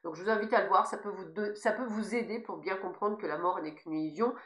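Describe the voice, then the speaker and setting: A woman's voice: medium pitch, quick pace, fairly bright tone. A woman with a lisp on her s sounds gives informal spiritual guidance, speaking emphatically and encouragingly straight to her listeners. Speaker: spiritual guide giving guidance messages. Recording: echoey, reverberant room sound.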